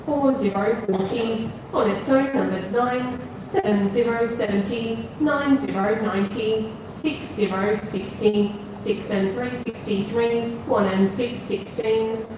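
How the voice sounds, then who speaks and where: A woman working as a bingo caller, announcing numbers digit by digit in a measured, repetitive delivery. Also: on the high side. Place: large bingo hall. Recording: echoey hall PA, distant, noisy room.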